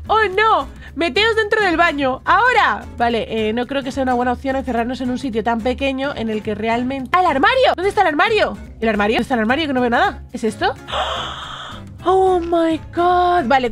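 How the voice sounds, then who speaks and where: A young woman with a Spain Spanish accent, hosting a casual let's-play, excitable and shrieking at scares, reading game chat aloud. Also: high voice. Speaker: gaming YouTuber host.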